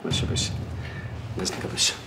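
A man's voice: very fast, very noisy, close to an everyday voice. An actor playing a shrewd Egyptian gang boss man, speaking coolly persuasive street talk. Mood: calm persuading. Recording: roomy film soundtrack with music.

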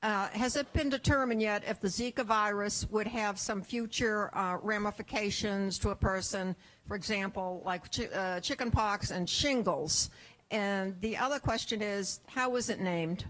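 A woman's voice: mid-range voice, moderate pace, fairly bright tone, rough recording. An older woman in the audience asks questions hesitantly into a handheld microphone. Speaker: audience member asking questions.

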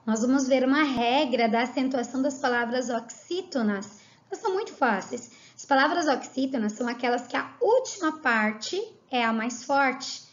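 A Brazilian woman teaching a grammar lesson to children, talking patiently and spelling each point out clearly. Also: sits high, lively intonation, moderate pace. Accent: Brazilian Portuguese. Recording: slightly dull lo-fi audio.

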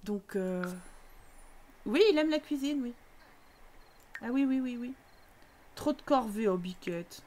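A woman's voice: on the high side, lively intonation, takes it slowly, long pauses, darkish tone. A woman chatting casually as she streams a life-sim game, teasing the characters and talking to them.

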